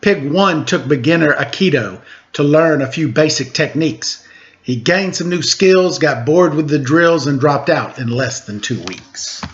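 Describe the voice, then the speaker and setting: Reading picture books to kids, this middle-aged man keeps things playful and jokey, mixing casual chat with storytelling. He speaks unhurriedly in a slightly high, expressive voice, captured in dull, lo-fi sound.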